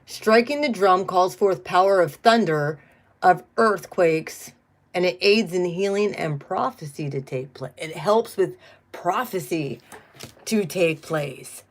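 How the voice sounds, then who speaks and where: A woman's voice: fairly low pitch, slow. A middle-aged woman doing a casual spiritual card reading, chatty and blunt, who swears freely when she gets riled. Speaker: tarot card reader.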